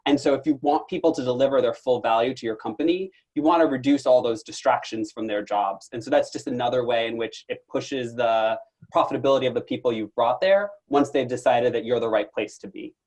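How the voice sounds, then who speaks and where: A man joins a webinar panel and explains his points in a measured, analytical way. His voice sits at a middle pitch and stays calm and even. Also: poor audio. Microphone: video call.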